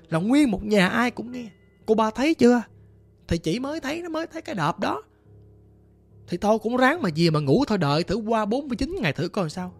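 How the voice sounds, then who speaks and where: Southern Vietnamese storyteller, chatty dramatic ghost tale, mid pitch, soft music bed. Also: vocal fry. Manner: lively, conversational, dramatic.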